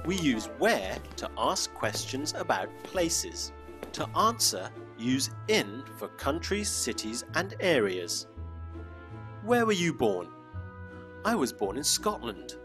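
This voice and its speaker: Man, lesson host, scripted narration, very lively pitch, faint music. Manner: clear teacherly, slow for examples.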